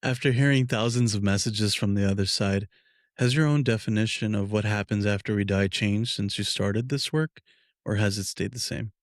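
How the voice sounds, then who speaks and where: Soft-spoken, low-voiced man hosting. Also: fairly even intonation, moderate pace, no echo, clean studio sound. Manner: hesitant, restarting phrases. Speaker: podcast host. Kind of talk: interview questions.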